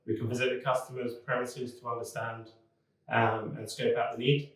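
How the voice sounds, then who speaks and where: A man, a business development manager, speaking in a relaxed, conversational way in a corporate talking-head video. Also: mid-range voice, moderate pace. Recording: very echoey room, mic far off.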